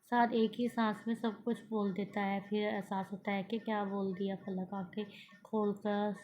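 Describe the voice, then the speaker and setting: A woman reading a romance novel aloud in a plain, even storytelling manner. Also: medium pitch, normal speed. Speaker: novel reader.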